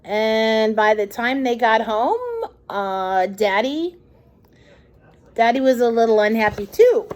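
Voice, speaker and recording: A storytime host with a voice on the high side reads a picture book to little kids at a slow pace, bringing it to life expressively and stopping for chatty asides.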